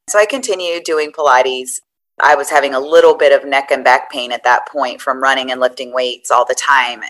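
A woman in her forties, a podcast guest telling her story in a chatty, animated way. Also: sits low, poor audio. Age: 40s. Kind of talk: conversational interview.

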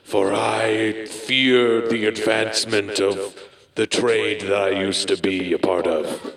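A haunting old-time dentist ghost, as a man voices him drifts in with a ghostly echo and a slow, dragging delivery. He is low-pitched and sounds distant in a roomy space. It is improvised comedy podcast spookiness. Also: level tone, fairly bright tone. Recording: echoey room, voice far from mic.

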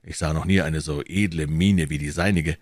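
A man voicing a grave, noble musketeer, speaking in a measured, dignified way. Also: a bass voice, fairly even intonation, no echo, clean studio sound.

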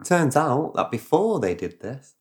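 A man retelling a story in casual podcast chat, animated and rambling, with sound effects. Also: mid-range voice, a little slow. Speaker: podcast host.

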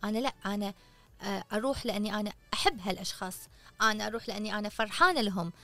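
Fast-talking woman. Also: medium pitch, a bit bright. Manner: earnest, coaching, asks listeners questions. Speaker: podcast host. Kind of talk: casual advice talk.

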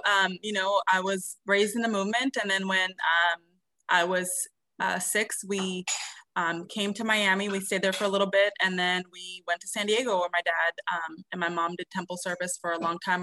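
Bright-voiced woman in her thirties. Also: medium pitch, steady tone, normal speed. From South America. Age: 30s. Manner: soft, hesitant, many ums. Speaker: podcast guest, nurse. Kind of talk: casual interview answers.

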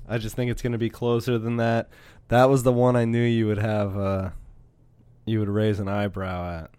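Smooth-voiced man reading sports picks. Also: lowish voice, moderate pace, no room sound. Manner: steady, lists picks one by one. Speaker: sports betting podcast host. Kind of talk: casual sports picks chat.

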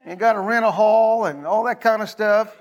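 High-pitched American man preaching informally. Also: normal speed, highs cut off. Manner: folksy, conversational, repeats phrases and prompts listeners for response. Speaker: pastor preaching to a congregation. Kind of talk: informal sermon.

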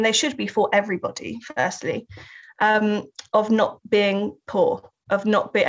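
A woman from England with a Southern English accent speaks in a medium-pitched voice with a breathy edge. She's a guest artist and writer giving a reflective interview, often laughing and restarting her sentences. The lo-fi recording sounds slightly dull.

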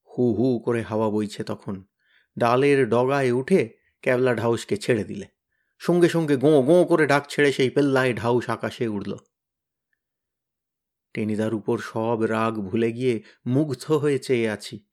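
A man reading a humorous short story aloud with lively, expressive narration. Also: medium pitch, a little slow, pauses often. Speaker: story reader.

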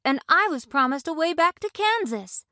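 A woman voicing a determined young girl who speaks in an eager, high voice. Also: big pitch swings, normal speed, pushed and bright, no room sound, studio quality, full character voice.

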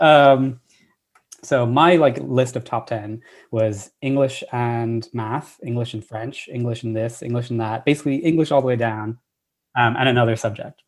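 An Irish man in his thirties, a professor telling his story in a relaxed interview, enthusiastic and full of ums and restarts. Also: mid-range voice, normal speed. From Ireland. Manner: enthusiastic, many fillers and restarts. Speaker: assistant professor, guest.

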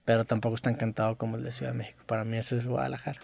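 A man's voice: mid-range voice, flat delivery, very fast, creaky, darkish tone. A man with a Monterrey accent chatting casually on a podcast, joking, swearing and poking fun at himself. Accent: Monterrey Mexican Spanish. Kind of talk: casual chat.

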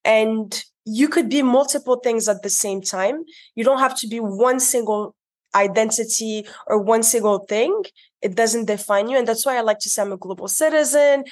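A young woman from Morocco speaks as a podcast guest, recounting her journey in a relaxed, conversational way. Her voice sits a little high and moves with animated, reflective phrasing. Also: normal speed. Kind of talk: conversational interview storytelling.

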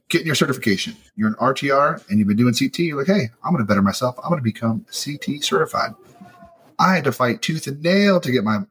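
A man's voice: mid-range voice, slightly rough. A man co-hosting a podcast in casual chat, telling work stories and acting out the dialogue. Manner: animated storyteller, acts out quoted dialogue. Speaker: podcast co-host.

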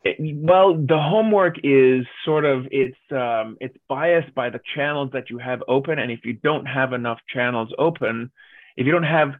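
A man's voice: mid-range voice, moderate pace, dry recording. Man from Denmark, advisor guest, emphatic and blunt, dry tinny phone-like sound. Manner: direct, emphatic, lists points. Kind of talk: interview answers.

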